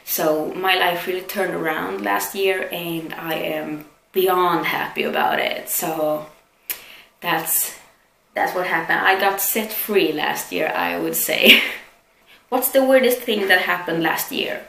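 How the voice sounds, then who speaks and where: A young adult Swedish woman, a native Swedish speaker, answers viewer questions on her vlog, casual, candid, and self-deprecating. Her voice is fairly low, slow, gravelly, pushed and bright, in an echoey room with faint background noise.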